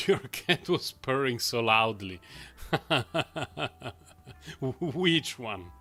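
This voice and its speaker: A man's voice: medium pitch, sing-song, drawn-out words, sharp tone, soft background music. Chatty male game streamer. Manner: rambling, self-amused, chuckles often. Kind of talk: casual live-stream chat.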